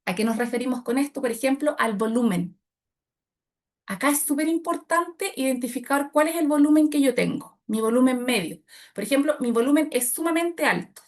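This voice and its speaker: A middle-aged woman teaching public speaking to a group of women, shifting her loudness and pace to demonstrate. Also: high-pitched, moderate pace. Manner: expressive, demonstrates loud and soft delivery. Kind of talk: workshop talk to women.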